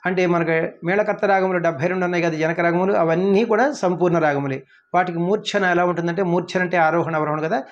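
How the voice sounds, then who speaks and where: A man teaching music theory, explaining terms and reciting long lists of names in quick succession. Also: high voice, lo-fi sound. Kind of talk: Carnatic music theory lesson.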